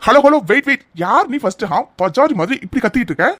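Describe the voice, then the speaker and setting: A man voicing an irritated young man in a cartoon, talking indignantly with sharp exclamations. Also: very high voice, lively intonation, racing, noisy background.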